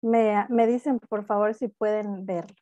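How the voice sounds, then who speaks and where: A woman's voice: medium pitch, steady tone, unhurried, dark tone, no room sound, muffled recording. A woman gives an online lecture over a video call, explaining step by step and often checking in with tag questions. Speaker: speaker at a university talk.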